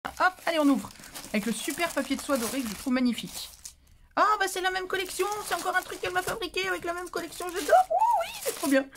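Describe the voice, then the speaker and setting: A woman's voice: high-pitched, a little hiss or hum. A woman hosting a casual unboxing vlog for her crafting channel. She gushes, repeats herself and talks to her viewers while she opens a parcel. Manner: gushing, excitable, repeats herself.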